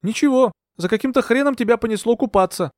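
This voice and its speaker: Male reader as an anxious, poor-swimming man, high fretful shouts. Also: fast, dry recording, clean studio sound. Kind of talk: audiobook character voice.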